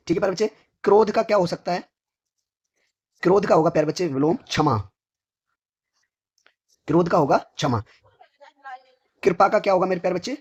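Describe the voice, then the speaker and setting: A hoarse man teaching a vocabulary lesson for exam preparation, who asks each question, answers it himself, and keeps addressing his students fondly. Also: high voice, darkish tone. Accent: North Indian Hindi. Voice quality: husky.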